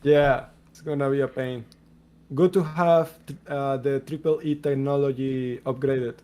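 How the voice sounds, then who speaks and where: A man with a Spanish accent answering community questions on a voice call in a relaxed, explanatory way. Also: medium pitch, measured pace. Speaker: game developer answering questions. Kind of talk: casual voice-chat Q&A.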